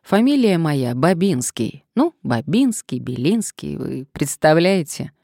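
A woman reading an audiobook, voicing a quiet, timid middle-aged man who complains about his name. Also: low voice, big pitch swings, measured pace, creaky, no echo, studio quality, exaggerated voice. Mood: plaintive. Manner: plaintive, complaining. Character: shy middle-aged male turnstile guard.

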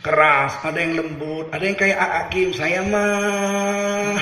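A middle-aged male preacher from Medan, giving a joking, story-filled sermon. His voice sits high and sounds bright and forceful. It echoes around a large, roomy hall. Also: slow pace, soft background music. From Medan, Indonesia. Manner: animated storytelling with acted voices. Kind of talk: humorous sermon.

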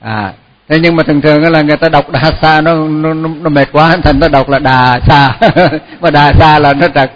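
A man teaching a Buddhist chant, repeating each syllable slowly and then explaining the pronunciation in casual talk. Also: on the high side, steady tone. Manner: slow, repeats syllables for pupils to echo. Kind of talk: chanting lesson.

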